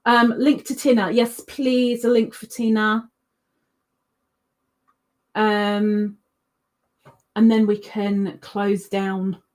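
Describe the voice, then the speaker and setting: A woman's voice: mid-range voice, flat delivery, drawn-out words, pauses often. A woman hosting a crochet livestream, chatting casually and reading viewer comments aloud, rambling with ums and self-corrections.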